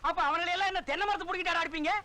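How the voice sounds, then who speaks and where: Brief: shrill, bright-voiced sorcerer, ranting and mocking. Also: male voice, fairly even intonation, rapid-fire, exaggerated voice. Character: scolding village sorcerer, middle-aged man. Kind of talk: 1990s film comedy.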